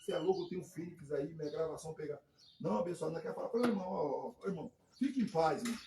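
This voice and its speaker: Fast, high-voiced preaching man. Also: gravelly, reverberant, a little hiss or hum, poor audio. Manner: animated storytelling, acts out quoted voices, asks "amém?". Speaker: pastor. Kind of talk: testimony sermon to a congregation. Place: church service.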